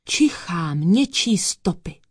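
Woman doing Bufino, a loud eager royal dog. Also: lowish voice, very animated, husky, no room sound, studio quality. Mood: fierce yelling. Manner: barking shouts.

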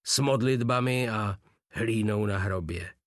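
A man voicing a bitter, weary male legionnaire who talks slowly with a sneer, in a storybook reading. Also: fairly low pitch, dry recording, clean studio sound, close to an everyday voice.

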